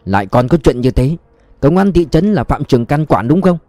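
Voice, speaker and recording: A man voicing a blunt, quick-tempered police chief in an audiobook. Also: a little high, big pitch swings, mellow, dry recording, soft background music. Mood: furious. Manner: blunt, angry. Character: blunt, hot-tempered male police chief, middle-aged.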